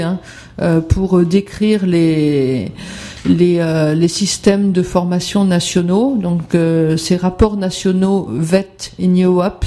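A conference presenter walking through slides, speaking haltingly with many filler sounds. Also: medium pitch, mellow.

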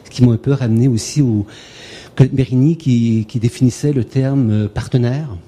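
A Québécois man from Quebec, Canada, with a French accent, asks a question as a conference participant in an academic discussion. His mid-range, mellow voice is fairly even, moderately paced and breathy-edged, and he works through a long anecdote, repeating words while searching for them.

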